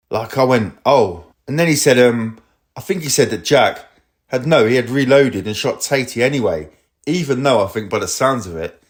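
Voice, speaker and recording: A man with an Essex accent giving a long rambling account in a police interview, swearing often and acting out what others said. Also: fairly low pitch. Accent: Essex English.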